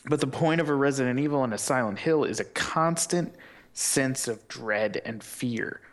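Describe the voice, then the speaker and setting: A man with a middle-pitched voice chats on a casual podcast. He talks eagerly and at length, with plenty of uhs and restarts. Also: normal speed. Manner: enthusiastic, animated opinions with frequent fillers. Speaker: podcast co-host.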